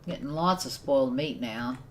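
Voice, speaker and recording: A woman's voice: a bass voice, moderate pace, slight background noise. A woman streaming a survival game, giving casual commentary and thinking aloud as she plays. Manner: thinks aloud while playing, with restarts and laughs.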